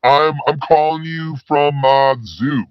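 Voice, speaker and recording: A man playing a rambling, slang-talking male spy who calls in with his voice pitched down. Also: unhurried, clean tone, no echo. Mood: laid-back. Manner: stoner slang, rambling, laid-back. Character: slacker male spy caller with disguised voice. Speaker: caller. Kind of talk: comedy call-in sketch. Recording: dull lo-fi phone call.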